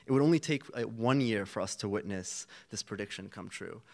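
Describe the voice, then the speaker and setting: A man's voice: lowish voice, a little fast, gravelly. A young Palestinian man, a student activist, giving an earnest, rallying panel speech with frequent fillers and restarts.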